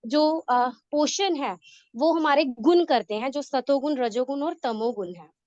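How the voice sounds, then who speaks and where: A woman hesitantly explaining a scripture verse in a study class, often pausing and restarting. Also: sits high, a little mellow, no room sound, lo-fi sound. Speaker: class participant.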